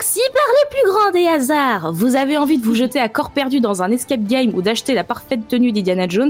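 A woman's voice: medium pitch, darkish tone. A woman columnist on a podcast, playful and laughing often, reading her review with expression. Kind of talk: podcast chat and scripted review.

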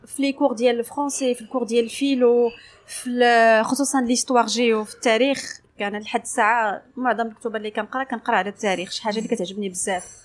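A woman's voice: a little high, steady tone, racing. A woman with a Moroccan Arabic accent, telling her story casually as an interview guest and mixing French phrases into her speech. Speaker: interview guest, sports journalist.

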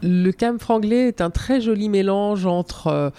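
A woman's voice: medium pitch, measured pace, mellow, smooth. A woman speaking as a podcast guest, thoughtful and hesitant, often restarting her sentences. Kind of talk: podcast interview.

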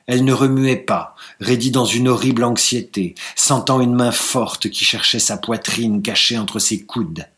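A man reads a classic novel aloud in a medium-pitched voice. His delivery is measured and unhurried, storybook-style. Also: fairly bright tone. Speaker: reader.

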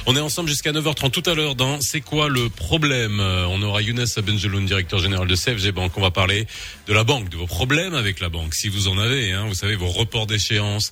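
A man hosting a morning radio show, presenting in a lively, chatty way. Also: lowish voice, fast talker. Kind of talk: radio chat.

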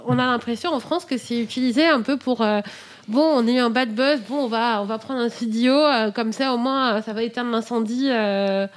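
Woman host, slightly high voice; casual, halting, friendly interviewing. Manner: hesitant, filler-heavy, friendly.

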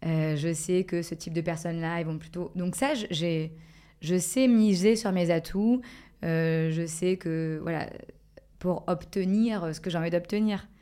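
A woman talks as a guest on a podcast, her voice sitting a little low. She thinks aloud, circling back and restarting her sentences with many fillers as she works out what she means. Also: fairly even intonation, a little slow, warm tone, clear, resonant tone. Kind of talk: casual podcast conversation.

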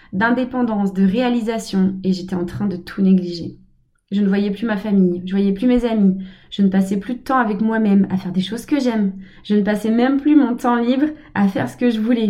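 A woman giving a calm, measured self-help talk, speaking in short repeated phrases. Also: medium pitch. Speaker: personal development speaker.

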